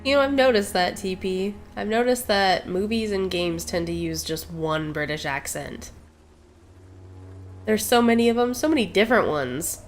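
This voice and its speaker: A woman's voice: mid-range voice, normal speed. A woman streaming a game, commenting chattily to her viewers with frequent giggles. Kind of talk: gameplay commentary. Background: game music.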